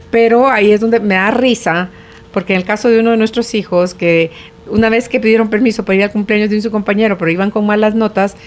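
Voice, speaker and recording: A woman in her sixties with a Guatemalan accent hosting a podcast, telling stories with frequent laughter in casual conversation. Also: mid-range voice. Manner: animated storyteller, laughs often. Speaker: podcast host.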